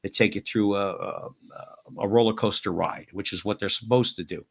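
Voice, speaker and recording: A man's voice: lowish voice, fairly even intonation, moderate pace, vocal fry. A man hosting a podcast interview, asking long, rambling questions with many restarts. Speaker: podcast host. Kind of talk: casual interview chat.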